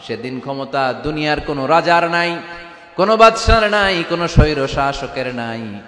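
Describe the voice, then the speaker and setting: A man's voice: fairly high pitch, expressive, moderate pace. Dramatic preacher man in a reverberant hall. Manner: dramatic, rising to shouts and chanted recitation; calls out to the crowd. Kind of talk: sermon. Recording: echoey hall with long reverb.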